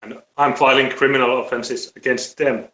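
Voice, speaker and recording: A man from Finland with a Finnish accent gives casual, opinionated live talk on a stream, his voice medium-pitched, steady, and fairly bright. He speaks bluntly with swearing, halting and repeating his words. The audio is roomy and echoey.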